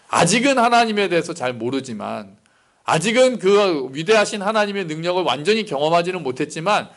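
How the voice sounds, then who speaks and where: A man's voice: fairly high pitch, a bit bright. A male pastor giving a sermon in a conversational, explanatory way, often asking rhetorical questions.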